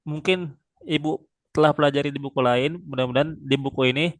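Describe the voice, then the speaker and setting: A man's voice: on the high side, no room sound. Man, Arabic tutor, patient drilling, dry close sound. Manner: patient, slow drilling with frequent pious interjections. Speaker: Arabic teacher. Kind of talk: online one-on-one language lesson.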